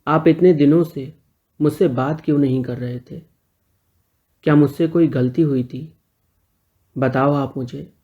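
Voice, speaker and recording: A man's voice: on the high side, steady tone, unhurried, long pauses, dull audio. A man voicing a shy, teasing young man who asks playful, pleading questions. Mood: earnest.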